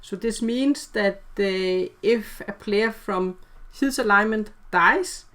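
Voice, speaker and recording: A woman's voice: medium pitch, slow, fairly bright tone. A woman running an online social deduction game as storyteller, chatty and laughing often while she explains the rules over a video call.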